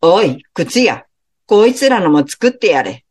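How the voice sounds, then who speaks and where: A woman voicing the gruff, commanding male king of hell in a storybook reading. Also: lowish voice, big pitch swings, a little slow, a little mellow, heavily acted.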